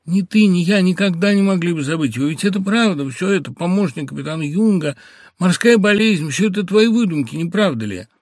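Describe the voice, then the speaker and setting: A man's voice: expressive, brisk, no echo, clean studio sound. A man reading an anxious tender husband. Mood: relieved. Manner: pleading, emotional, rises in pitch when agitated.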